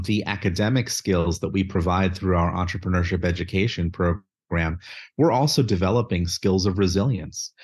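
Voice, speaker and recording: Speaking as a guest, the chief executive of an education nonprofit answers interview questions in a low, slightly rough voice. He is articulate and methodical, listing his points with a few fillers.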